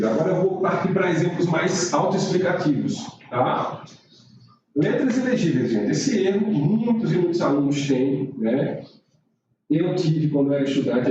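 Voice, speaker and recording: In a live-streamed online writing lesson recorded in a room, a male teacher with a fairly high voice walks through writing errors step by step, frequently checking in with "tá?". The audio sounds roomy and distant, captured on a dull mic with background noise.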